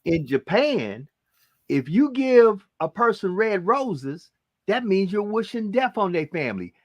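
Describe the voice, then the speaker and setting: A man telling a story in a lively, emphatic way during a casual discussion. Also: high voice, a little slow, no room sound, highs cut off.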